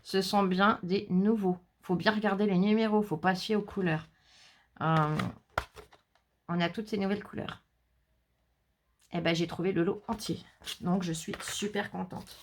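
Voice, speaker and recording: Reading color names and numbers from her scrapbooking haul, a woman vlogs casually and pokes fun at herself, unhurried and pausing often in a steady, mid-range voice. She's inside with the shutters shut against the heat, and a little hiss or hum is audible.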